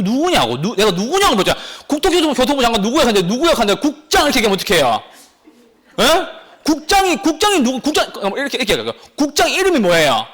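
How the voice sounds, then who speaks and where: A man teaching a real estate exam class, lively and teasing as he keeps putting questions to his students. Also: sits high. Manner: animated, teasing, asks the class many questions.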